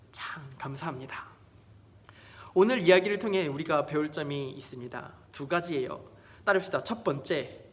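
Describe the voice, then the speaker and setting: A man preaching a children's sermon, telling a story in an animated, expressive way. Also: a little high. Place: church sanctuary. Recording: long church hall reverb.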